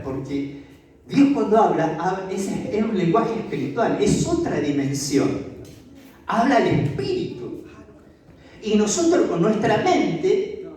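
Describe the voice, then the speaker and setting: A pastor preaches in a lively, swooping voice that rises and falls, acting out scenes and turning to the congregation. The tone is warm and mellow. The voice rings through a big echoey church hall, heard from a distance off the mic. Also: mid-range voice, a little hiss or hum. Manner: animated, acts out Bible scenes with asides to the congregation. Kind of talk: lively sermon.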